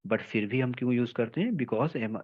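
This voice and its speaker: A man gives a technical class at a patient, deliberate pace, going back over each point and pausing to check that his students follow. His voice sits at an ordinary middle pitch, and the recording sounds somewhat dull and muffled. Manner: explains slowly in Hindi mixed with English terms, checks in often with "theek hai". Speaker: telecom trainer. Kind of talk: technical lecture.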